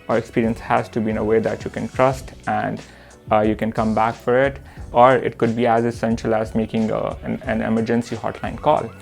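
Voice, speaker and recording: A young Pakistani man, a product manager and course instructor, introduces himself to the camera and reflects on his career. He speaks earnestly and in a measured way, often pausing on "uh" as he searches for words, in a mid-pitched, gravelly voice over soft background music.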